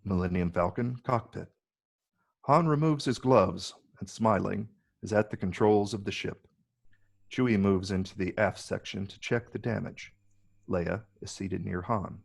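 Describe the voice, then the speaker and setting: A man reads stage directions as scripted narration, measured and descriptive, in a fairly low, creaky voice.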